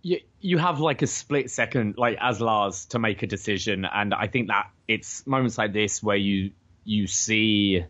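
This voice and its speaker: A man's voice: on the low side, measured pace, fairly bright tone. A man co-hosting a podcast, chatting casually about a wrestling match. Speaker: podcast co-host. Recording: slightly dull, lo-fi sound.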